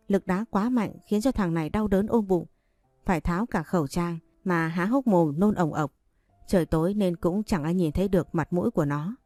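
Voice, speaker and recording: A woman narrating a story in an audiobook with steady, even delivery. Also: lowish voice, no room sound.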